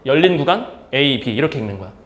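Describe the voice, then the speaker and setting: Lively male math teacher, echoey room. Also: mid-range voice, fast. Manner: asks and answers his own questions; casual, speaks in plain everyday talk to students. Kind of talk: math lecture.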